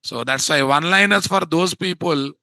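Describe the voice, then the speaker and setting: A man with a Telugu Indian accent teaching an informal live software class in an exasperated, scolding way, often firing rhetorical questions at his students. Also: on the high side, normal speed, vocal fry, no room sound. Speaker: instructor of a software course.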